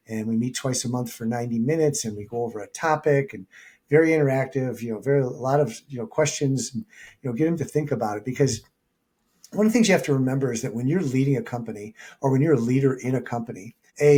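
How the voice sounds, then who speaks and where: A man's voice: medium pitch, warm tone, slightly rough. A man, a leadership coach being interviewed, talking conversationally and acting out quoted dialogue in his anecdotes.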